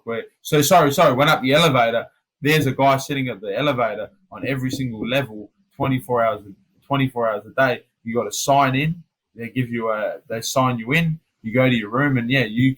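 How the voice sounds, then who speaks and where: An Australian man, a fighter guest on a podcast, telling stories in a loose, animated way and often dropping "man" and "mate". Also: medium pitch, poor audio. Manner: animated storyteller, peppers speech with "man" and "mate". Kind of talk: casual storytelling chat.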